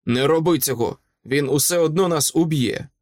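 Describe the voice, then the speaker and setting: A man's voice: on the high side, moderate pace, no echo, studio quality, voice pushed up, natural voice. A man voicing a brave middle-aged knight, urgent and anguished for his wife.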